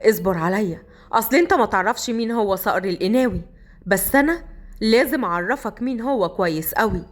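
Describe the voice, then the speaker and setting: Woman storyteller lowering her voice for a gruff young Egyptian man: commanding, quick to anger, storybook drama. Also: lively intonation, natural voice. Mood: angry. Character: tough young Upper Egyptian man, hot-tempered.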